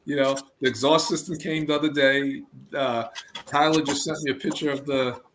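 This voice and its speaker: A man's voice: medium pitch, fairly even intonation, moderate pace, fairly bright tone, a little hiss or hum. A man with an American accent chatting casually on a video call, repeating phrases for emphasis. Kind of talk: casual chat. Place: indoor room on a video call.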